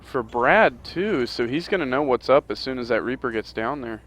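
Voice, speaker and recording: A man doing play-by-play commentary on a live game match. He makes short, upbeat calls on the action and keeps nodding along to his partner with quick "mm-hmm"s. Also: medium pitch. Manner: energetic play-by-play, short calls and agreeing backchannels. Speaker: esports caster.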